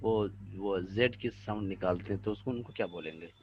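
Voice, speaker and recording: A man's voice: low-pitched, moderate pace. Hesitant male student, muffled. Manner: hesitant questioning. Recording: muffled, faint background noise.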